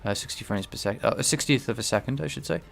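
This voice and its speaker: This game developer, streaming his work, speaks fast in a gravelly mid-range voice with soft music in the background. His casual live-coding commentary about his game engine is hesitant and full of restarts as he thinks aloud. A cold makes him sound a little stuffed-up and nasal.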